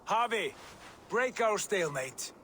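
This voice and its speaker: A man playing a watchful Norse god in a video game, giving formal, measured counsel on war. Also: high voice, expressive, pushed and bright, a little hiss or hum, heavily acted. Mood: grave, measured. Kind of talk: dramatic video game acting.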